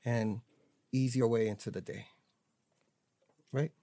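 A man's voice: mid-range voice, steady tone, slow, vocal fry, dark tone, a little hiss or hum. Joking man hosting a casual podcast. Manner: loose, joking, stumbling restarts. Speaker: podcast host.

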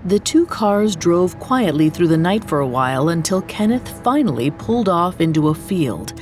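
A woman tells a scripted true-crime story with dramatic storytelling. Her voice sits a little low and swings widely in pitch. Soft music runs beneath her. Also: big pitch swings, normal speed. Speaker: podcast narrator.

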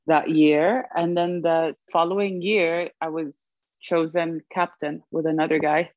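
Low-voiced woman, dry muffled audio. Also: steady tone, a little slow, a little mellow, dry recording. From Sweden. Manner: reflective, laughs often. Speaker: guest. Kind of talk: conversational interview.

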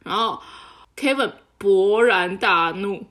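A young woman, co-hosting a casual podcast and telling a story in a lively way, laughing often. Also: medium pitch, takes it slowly. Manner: animated, laughs often while telling stories. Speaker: podcast co-host.

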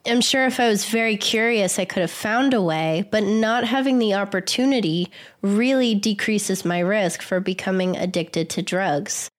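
A woman with a hoarse, sick voice hosting a solo podcast, explaining in an earnest tone. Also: medium pitch, normal speed. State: hoarse from a cold. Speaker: podcast host.

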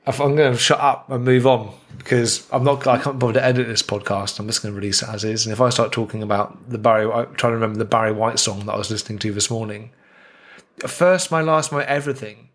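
A man co-hosting a podcast in casual chat, telling jokey stories with animated asides. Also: on the low side, quick pace, hardly any pauses. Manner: jokey storytelling, animated impressions. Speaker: podcast co-host.

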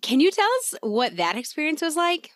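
A woman's voice: sits high, very animated, normal speed. Bubbly woman podcast host. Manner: bubbly and enthusiastic, gushing reactions. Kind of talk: upbeat podcast interview.

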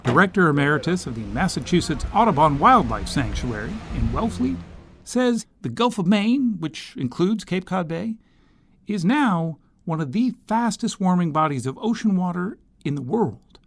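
High-pitched man, animated news narrator. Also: moderate pace. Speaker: news correspondent narrating a feature.

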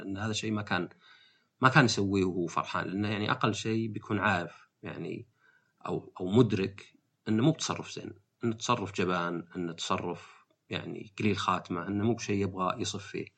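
A man hosts a podcast, talking through his ideas in a loose, thinking-aloud monologue, often restarting his sentences. His voice is low and husky. He speaks at a very rapid clip. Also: fairly bright tone. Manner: thinking aloud, frequent fillers and restarts, slips into quoted voices. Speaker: podcast host. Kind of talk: casual reflective monologue.

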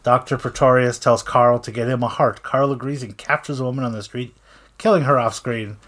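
A man's voice: mid-range voice, steady tone, fairly quick, a bit bright, a little hiss or hum. Dry-joking man reading movie facts. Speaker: podcast co-host. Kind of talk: casual chat.

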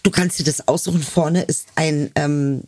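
A man co-hosting a podcast who reads poetry in a solemn, measured way and jokes around in quick, casual chat. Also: on the high side, fairly even intonation, darkish tone, dry recording. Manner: solemn, measured reading, then quick joking banter. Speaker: podcast co-host.

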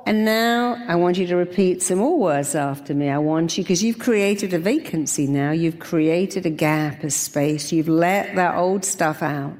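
A woman's voice: on the low side, measured pace, hardly any pauses, a little mellow, big-room sound. A woman giving an emphatic, commanding motivational seminar speech, using short repeated phrases to lead affirmations. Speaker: motivational speaker leading affirmations. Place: large hall with an audience.

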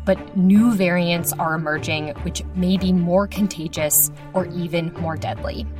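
A woman hosting a podcast, reading a scripted news roundup in a measured, clear way. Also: fairly low pitch. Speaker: podcast host.

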